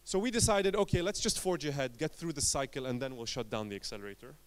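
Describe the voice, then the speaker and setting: A Lebanese entrepreneur addresses a conference, recounting his story in short, emphatic phrases broken by dramatic pauses. He speaks in a mid-range voice.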